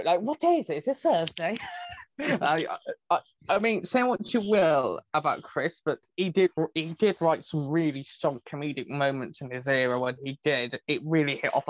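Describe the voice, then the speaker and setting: A man's voice: on the high side, no echo, muffled recording. A man in his twenties hosting a podcast, chatting eagerly like a fan. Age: 20s. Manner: eager, gushing fan talk. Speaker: podcast host. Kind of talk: casual podcast chat.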